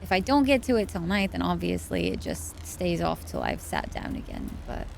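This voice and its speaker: Late at night, a tired woman streams a game and chats casually with her viewers, thanking them and reading chat aloud. Her lowish voice is creaky and swings hugely in pitch at a moderate pace, with a little hiss or hum behind it.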